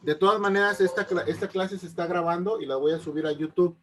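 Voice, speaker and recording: A male teacher with a fairly high voice talks through an online lesson over a video call. He explains patiently, step by step, and keeps asking whether the students are following. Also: steady tone, fast talker. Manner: patient, checks often that students understand. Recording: unstable connection.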